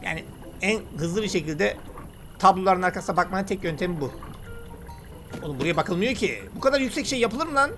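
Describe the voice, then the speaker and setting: A man talking excitedly and casually while he plays a game and comments on it. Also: high voice, brisk, pauses often, faint music behind. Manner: chatty, excitable, slangy banter. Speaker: gaming YouTuber. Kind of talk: let's play commentary.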